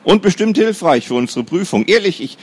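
A man's voice: mid-range voice, animated, normal speed, natural voice. Man doing a sulky boy with a stuffy nose. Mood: falsely cheerful. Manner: stuffy-nosed, sneezy. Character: grumbling boy twin, cheeky and sulky.

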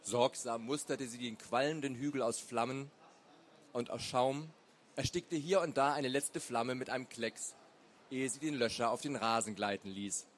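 A man narrating a story aloud in a measured, dramatic way. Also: mid-range voice. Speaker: reader. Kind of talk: audiobook narration.

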